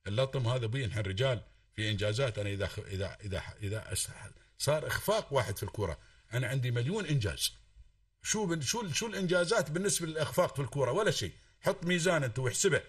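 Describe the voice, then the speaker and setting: Rapid-fire, fervent Emirati man. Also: mid-range voice, expressive, dry recording, clean studio sound, distant mic. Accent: Emirati Arabic. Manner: fervent, swears oaths, lectures emphatically. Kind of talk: impassioned call-in talk.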